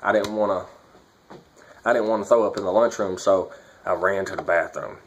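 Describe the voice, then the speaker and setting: A man's voice: low voice, steady tone, normal speed, lo-fi sound, a little hiss or hum. A man talking casually and bluntly to viewers, swearing freely, with a lip full of dipping tobacco as he reviews and tells stories. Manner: talking with a lip packed with dip; blunt, profane. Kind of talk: casual vlog review and storytelling.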